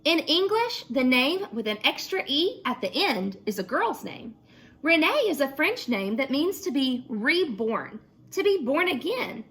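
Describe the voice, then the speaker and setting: Bright, animated woman teacher reading aloud. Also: high voice, measured pace. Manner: expressive, asks children questions. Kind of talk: reading a picture book aloud, then a class discussion.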